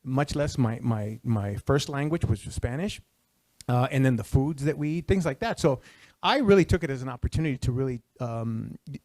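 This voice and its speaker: A retired Secret Service official in his fifties from El Paso, Texas, tells a personal career story on a panel, speaking into a handheld mic from an auditorium stage before an audience. His medium-pitched, darkish voice is animated and moves at normal speed, conversational and full of restarts and fillers. The recording has no room sound.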